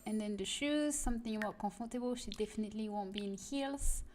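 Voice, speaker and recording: A woman who is not a native English speaker, giving casual game-stream commentary and pausing to translate in her head as she searches for words. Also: mid-range voice, a little mellow, slight background noise. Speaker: host of a game building stream.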